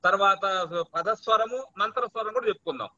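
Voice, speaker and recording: A man teaching Vedic chanting in an online class, chanting slowly and talking fast between chants. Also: high voice, sharp tone, no room sound, highs cut off. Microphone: video call.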